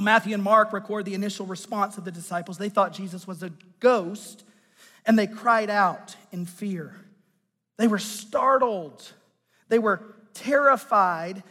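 A male pastor preaching a sermon, swinging between loud emphatic lines and hushed low ones, and putting direct questions to the listeners. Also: in a large hall.

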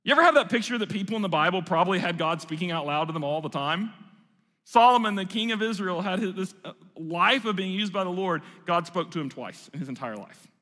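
A man's voice: high-pitched, expressive, fast talker, a bit bright, in a large hall. A male pastor giving a sermon in a church, conversational and self-deprecating. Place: church sanctuary.

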